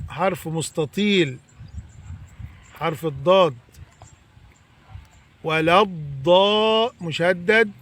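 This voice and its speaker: A man with an Egyptian accent teaching correct Quran recitation, stretching out example words slowly and then explaining quickly. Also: sits high, fairly bright tone, a little hiss or hum. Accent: Egyptian Arabic. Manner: slow drawn-out demonstration recitation between quick explanations. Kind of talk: tajweed lesson correcting recitation mistakes.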